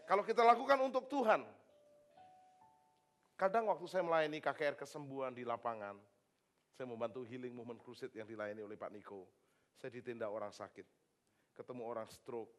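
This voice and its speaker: Brief: Indonesian-accented male preacher, animated sermon, loud calls then quiet storytelling. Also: mid-range voice, a little fast, soft background music. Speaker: pastor. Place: church service.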